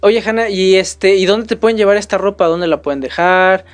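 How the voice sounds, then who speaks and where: A woman co-hosting a radio show, brisk and teasing, firing off questions. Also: mid-range voice, faint music behind. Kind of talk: casual radio chat.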